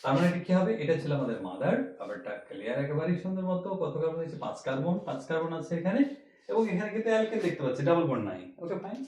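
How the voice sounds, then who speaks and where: A man's voice: a little high, big pitch swings, racing, a little mellow, echoey room, slight background noise. A man teaching chemistry who explains each step, repeats key points and asks the class rhetorical questions. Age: older. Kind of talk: classroom lecture.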